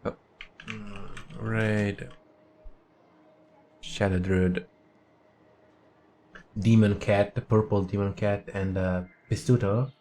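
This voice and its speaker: A man's voice: fairly low pitch, fairly even intonation, takes it slowly, pauses often, a little mellow, slight background noise. A man hosting a game livestream, chatting casually and muttering asides as he plays. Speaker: game streamer, host. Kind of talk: casual livestream chat and gameplay commentary. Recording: faint background music.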